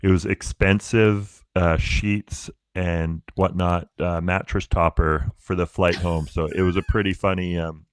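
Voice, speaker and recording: Deep voiced canadian guy, chill rambling storyteller, dry close sound. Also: level tone, measured pace, few pauses, clear, resonant tone, dry recording. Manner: laid-back storyteller, many fillers. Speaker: podcast guest, Paralympic athlete. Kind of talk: casual interview chat.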